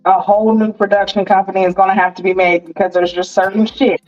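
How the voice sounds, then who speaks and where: A woman's voice: medium pitch, flat delivery, fast, a little mellow, soft background music. Female co-host, chatty, slightly muffled recording. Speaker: podcast co-host. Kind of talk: casual gossip chat.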